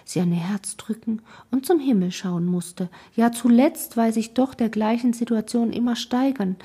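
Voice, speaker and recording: Breathy woman reading a classic novel. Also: fairly high pitch, mellow. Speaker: audiobook narrator.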